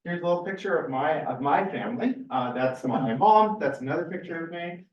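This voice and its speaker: This man, a scientist in his forties from California, USA, talks through a seminar in a casual, personal style, frequently correcting himself. His slightly high voice is expressive and fairly quick, with slight background noise in a roomy, distant, muffled lecture recording.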